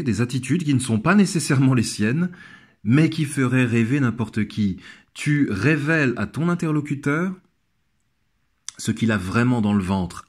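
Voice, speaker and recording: A man talks through a comic book analysis as if chatting with a friend, addressing the viewer directly. His voice sits at an ordinary middle pitch, and he lingers over the passages he enjoys. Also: slightly rough. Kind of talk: video analysis commentary.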